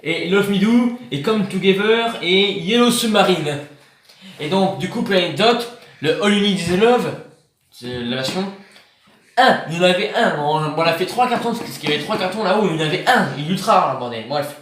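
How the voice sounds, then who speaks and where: A man's voice: high voice, expressive, normal speed, fairly bright tone. Man, casual unboxing chat, rambling, repeats words, roomy echo. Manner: rambling, repeats himself, joking. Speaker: video host showing purchases. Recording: echoey room, faint noise.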